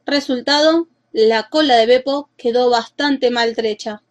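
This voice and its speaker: A woman narrating a children's storybook in a lively, expressive way. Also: fairly high pitch, unhurried, highs cut off.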